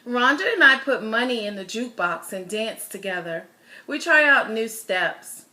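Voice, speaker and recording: Reading a children's picture book aloud, a woman with a voice on the high side tells the story expressively, with deliberate phrasing and stressed words. The audio quality is poor.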